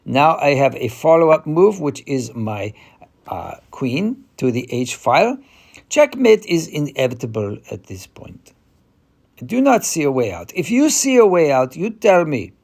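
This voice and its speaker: Man acting as halting Eastern European chess player. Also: on the high side, gravelly, darkish tone, heavily acted. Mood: assured. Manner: halting, deliberate explanation with frequent hesitations. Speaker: chess player giving a tutorial. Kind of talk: explanatory game commentary.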